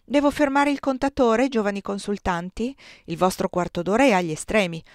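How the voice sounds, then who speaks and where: A woman's voice: medium pitch, a little fast, no echo, natural voice. A smug older archivist who talks in a pedantic, mannered way, read by a woman in her own voice. The sound is dry and close, with no room around it. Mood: pompous.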